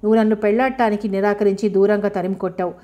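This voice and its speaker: Pitiful lovesick young man, quiet pleading tone, mellow voice, woman narrator reading him. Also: medium pitch, fairly even intonation, rapid-fire, close to an everyday voice. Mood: remorseful.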